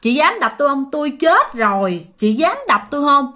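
A woman's voice: high voice, normal speed, exaggerated voice. A woman voicing the ghost of a dead young man, taunting and eerie. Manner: calm then taunting.

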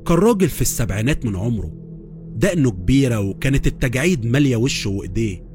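A man with an Egyptian accent narrating a first-person horror story in a steady voice. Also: medium pitch, fast, faint music behind.

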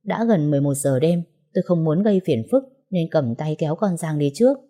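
Low, mellow woman narrating an audiobook in speech. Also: expressive, fairly quick. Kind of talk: first-person audiobook narration.

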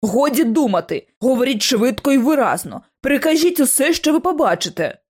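A woman's voice: sits high, sing-song, moderate pace, husky, voice pushed up, exaggerated voice. A woman voicing a scheming, eccentric male scholar who is commanding and impatient in a storybook reading.

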